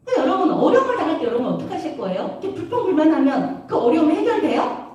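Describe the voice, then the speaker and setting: A woman preaches a lively sermon to youth, constantly asking her listeners questions. Her voice is high and bounces widely up and down. She is heard from a distance in a very echoey hall. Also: rapid-fire. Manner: animated, keeps asking the audience questions.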